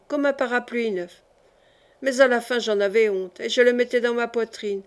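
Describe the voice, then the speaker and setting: A woman reading a classic novel aloud in the first person, in a measured and expressive way. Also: a little high. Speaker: audiobook reader.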